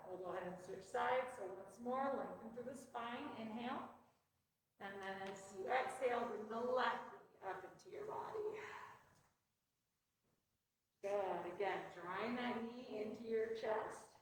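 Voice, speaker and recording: A woman instructor guiding a stretching and breathing class in a gentle, encouraging, instructional way. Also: medium pitch. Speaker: yoga and meditation instructor. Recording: very echoey room, distant mic, faint noise.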